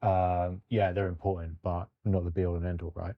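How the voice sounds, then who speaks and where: A man's voice: sits low, level tone, moderate pace, narrow, tinny audio. A young man co-hosting a casual podcast, chatty and easygoing, often tagging his points with "right?". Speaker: podcast co-host.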